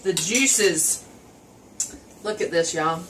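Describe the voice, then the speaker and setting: A woman's voice: fairly low pitch, very slow, recorded from a distance, noisy background. A woman, chatting casually to viewers as host of a home cooking video. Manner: chatty, folksy, addresses viewers directly.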